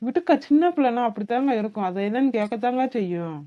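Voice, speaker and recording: A woman with a Kanyakumari Tamil accent voicing an easygoing village woman who calms others down. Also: fairly high pitch, fast talker, dull audio, lightly acted. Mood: soothing. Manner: soothing, easygoing.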